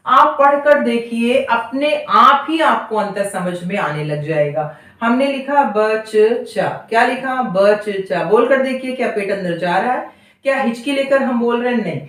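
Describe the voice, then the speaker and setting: A woman teaching Hindi letters in an unhurried classroom manner. She asks questions and answers them herself, and she draws out example words. Her fairly high voice comes from a little way off the mic in a room with a lot of echo. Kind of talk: slow classroom explanation. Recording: very echoey, voice from a distance.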